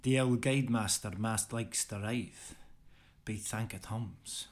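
A man's voice: fairly low pitch, fairly even intonation, slow, soft background music. An Irish man putting on a Scottish accent to recite old Scottish verse in a theatrical, rolling delivery. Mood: declaiming. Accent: put-on Scottish. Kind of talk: poetry recital.

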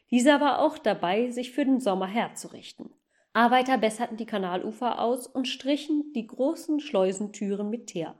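A woman reading a children's novel aloud in a calm, even manner. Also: a little high. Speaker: reader. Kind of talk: storybook reading.

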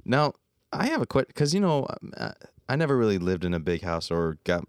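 A young man chats in an easygoing, slangy way, often drifting off mid-sentence. His voice sits very low and comes across smooth and resonant. The sound is dry and close, with no room around it. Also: sing-song, brisk, dry recording. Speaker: podcast co-host. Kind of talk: casual chat.

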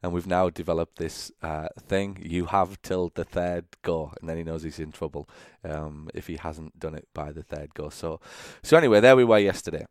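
Brief: young adult male podcast host, very low voice, chatty solo monologue, dry close sound. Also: fairly quick, few pauses, dry recording. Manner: conversational, checks in with "okay?", frequent fillers and restarts.

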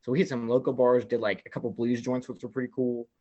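A man spins a long, rambling story in casual chat. His voice sits at an ordinary middle pitch, and he leans heavily on "like" as he talks. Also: fast talker, muffled recording. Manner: rambling, many "like" fillers, animated retelling. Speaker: podcast guest.

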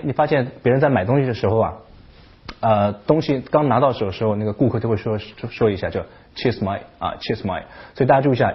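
A man hosting a casual video lesson on English, talking in an animated way and breaking off to imitate accents. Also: mid-range voice, breathy edge, dull audio. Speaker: English teacher, channel host.

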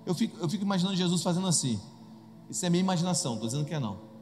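A Brazilian man preaching a humorous sermon in a church, telling the story in a lively, joking way and acting out the voices. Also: sits high, racing, slight background noise. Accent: Brazilian Portuguese. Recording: echoey hall with soft music.

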